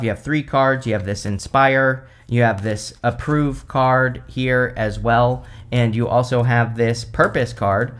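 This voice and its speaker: Casual man giving a rambling tarot reading. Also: mid-range voice. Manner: conversational, rambling, addressing the listener directly. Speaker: tarot reader, host. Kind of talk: casual unscripted tarot card reading, explaining cards.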